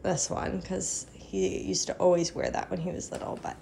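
This young American vlogging mom talks in a warm, rather low voice with little pitch movement and a normal pace. She films casually on a phone held at arm's length inside her home, moving between living room and kitchen amid clear household noise.

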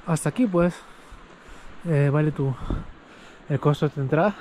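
Male travel vlogger, slightly high voice, rambling and filler-heavy, noisy outdoor recording. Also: moderate pace, dark tone. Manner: chatty, loose, with many fillers like "este" and "eh". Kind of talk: casual travel vlog commentary. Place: outdoors and on the road while traveling.

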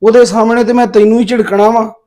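A man's voice: high-pitched, fairly even intonation, fast talker, warm tone, close to an everyday voice. An actor playing a young husband caught between his wife and mother, placating and pleading. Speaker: husband and son. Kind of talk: Punjabi family drama acting.

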